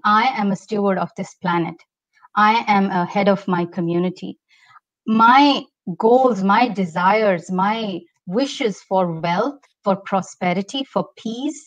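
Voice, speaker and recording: A middle-aged woman from India, a health coach, explaining ideas expressively as a guest on a video-call interview from her home. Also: mid-range voice. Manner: expressive, gestures while explaining. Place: home room. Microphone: laptop mic on a video call. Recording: dull lo-fi video-call audio.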